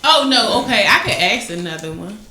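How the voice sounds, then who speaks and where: Woman host asking questions, bright tone, roomy echo. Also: mid-range voice, expressive, a little fast, a little hiss or hum. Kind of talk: casual talk show hosting. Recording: echoey room.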